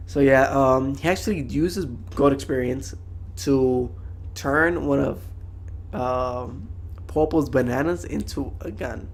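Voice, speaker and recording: A man's voice: mid-range voice, vocal fry, slight background noise. A young man giving a casual, slangy, rambling anime review to viewers.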